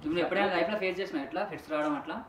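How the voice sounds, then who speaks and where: A man's voice: sits high, fairly even intonation, rapid-fire, roomy sound, distant mic. A man, coaxing and questioning in a comic prank skit.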